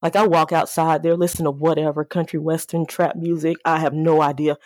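A woman's voice: low voice, little pitch movement, a little fast, a little mellow, no echo. A woman with a Southern American accent chatting casually, with a sassy, candid and playful manner. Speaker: auto repair shop owner, podcast guest. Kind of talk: casual chat.

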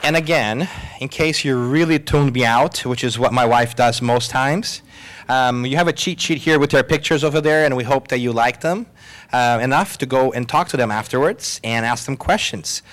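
A man hosting a live panel show at a symposium, joking and self-deprecating, with a slightly hoarse voice. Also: medium pitch, normal speed, a faint crowd. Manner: jokey, lively, self-deprecating. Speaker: host. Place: symposium hall with audience.

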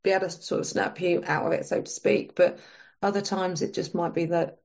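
A woman's voice: on the low side, fairly even intonation, fairly quick, vocal fry, darkish tone, highs cut off. A woman guest talking casually in a podcast interview, chatty and full of fillers and restarts. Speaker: menopause coach, guest.

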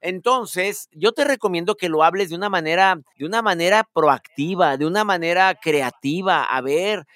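A man with a Mexican Spanish accent chats on a podcast, teasing and joking as he hands out advice, and drops fond nicknames as he goes. His voice sits a little high for a man. The sound is close and dry, with no room around it. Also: moderate pace, fairly bright tone, no echo. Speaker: podcast host. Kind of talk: casual podcast chat.

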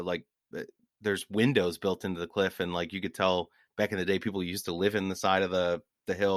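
A man's voice: sits low, fairly bright tone, no echo, studio quality. A man co-hosting a podcast, telling rambling travel stories in casual chat and laughing at his own anecdotes. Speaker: podcast co-host.

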